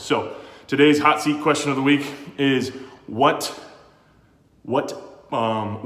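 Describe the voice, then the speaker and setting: A man's voice: fairly low pitch, fairly bright tone. A man coaching, casually demonstrating exercises and talking straight to the kids he teaches in a friendly, encouraging way. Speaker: sports coach. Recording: roomy echo with long reverb.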